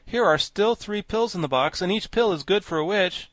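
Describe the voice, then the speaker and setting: A man acts a living scarecrow in a storybook, good-natured and wry. The voice is raised and very animated. He talks readily, with genial emphasis. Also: high-pitched, moderate pace, dry recording, pitched above the performer's own voice. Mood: eager. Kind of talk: storybook character voice.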